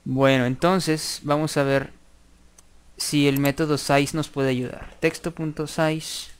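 A man giving a screen-recorded programming tutorial, thinking aloud and dictating code slowly as he types. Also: mid-range voice, flat delivery, smooth.

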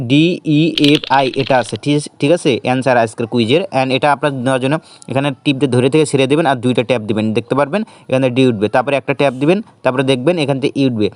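A man talks through an app tutorial at a very fast clip. He gives steady step-by-step instructions and drops English words into his sentences. His voice sits at an ordinary, mid-range pitch for a man. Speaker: channel host. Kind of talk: screen-recorded app tutorial.

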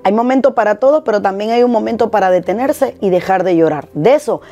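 A woman's voice: mid-range voice, fast talker, dark tone, faint music behind. A woman pastor giving a short devotional sermon, earnest and exhorting, repeating her key phrases.

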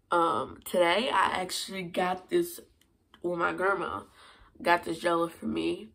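A young woman with a hoarse voice, chatting casually and rambling in a food review vlog. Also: on the low side. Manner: chatty, rambling with many fillers. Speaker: vlogger.

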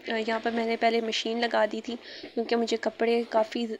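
A woman's voice: a little high, monotone, normal speed, slight background noise. A woman from Pakistan, a family vlogger, chatting loosely through a voice-over about work on her home, with many fillers. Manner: chatty, rambling, many fillers, pleads with viewers. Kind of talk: casual voice-over vlog narration. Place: small home with worn walls, under renovation.

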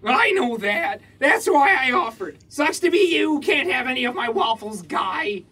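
Whiny boastful young man, high voice, wildly animated, comedy radio play. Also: measured pace, slightly rough, heavily acted. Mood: gloating. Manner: loud, whiny and boastful, yelling. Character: bratty syrup-obsessed young man Nathan.

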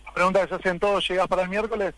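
A man's voice: sits high, steady tone, very fast, a bit bright, poor audio. A Uruguayan man working as a radio reporter, doing live post-match interviews.

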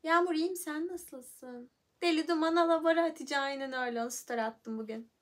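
A young woman with a high voice talks briskly while hosting a casual livestream, reading the chat aloud into her phone. She's playful and chatty with viewers, humming and singing nonsense syllables.

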